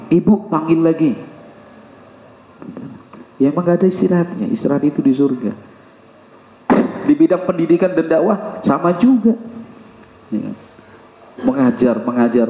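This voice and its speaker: A man preaches in a loose, conversational way and keeps turning to his listeners for agreement. His voice sits somewhat high and carries a long hall reverb. The recording sounds muffled, as if it were captured on modest gear. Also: mellow. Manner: conversational, acts out household dialogue, asks the crowd "ya kan?". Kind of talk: Islamic sermon to a congregation. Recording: echoey hall, dull lo-fi sound.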